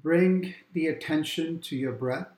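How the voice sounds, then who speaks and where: A man guiding a calm grounding meditation exercise, giving gentle, unhurried instructions with long pauses between phrases. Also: on the high side, reverberant, rough recording. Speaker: meditation guide. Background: quiet background music.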